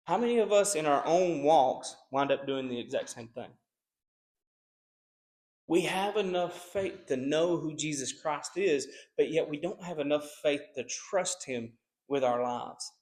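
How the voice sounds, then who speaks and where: Earnest preaching man, slightly high voice. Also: a little slow, darkish tone. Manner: earnest preaching with repeated restarts. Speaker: pastor. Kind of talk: sermon.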